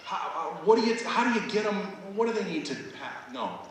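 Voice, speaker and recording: A man working as a stage hypnotist and host, bantering off the cuff with volunteers in a halting way, often repeating phrases. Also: high-pitched, lively intonation, a bit bright. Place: indoor college stage show with audience. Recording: echoey hall PA with noisy background.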